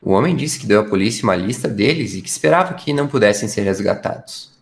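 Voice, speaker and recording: A man's voice: fairly low pitch, lively intonation, fast talker, gravelly. A man playing a detective's earnest, impressionable companion in a radio drama, recounting findings expressively. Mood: earnest reporting.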